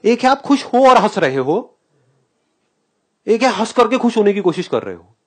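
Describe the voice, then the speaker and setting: Animated man giving a lively live talk. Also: high voice, normal speed, slightly rough. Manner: animated, questioning, often laughing; mixes English phrases into Hindi. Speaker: spiritual speaker.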